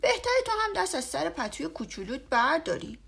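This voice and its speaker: A woman's voice: high-pitched, big pitch swings, gravelly, a bit bright, voice pushed up, exaggerated voice. A woman doing a blunt young bear cub. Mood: teasing. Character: friendly young male bear.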